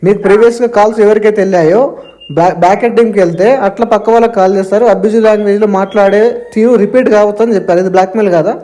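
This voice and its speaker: A man argues hard on a phone call, firing off his points at great speed. His voice is dark and mellow, and he keeps circling back to the same phrases, dropping in English words. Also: high voice, fairly even intonation, rapid-fire. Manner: argumentative, repeats himself, mixes in English phrases. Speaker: borrower on a call with an agent. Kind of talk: heated phone argument.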